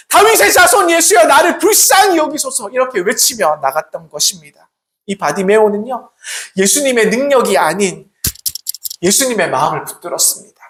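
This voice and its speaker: A pastor preaching a sermon in a church, emphatic, swinging between loud passages and hushed ones. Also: mid-range voice. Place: church sanctuary. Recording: echoey church hall.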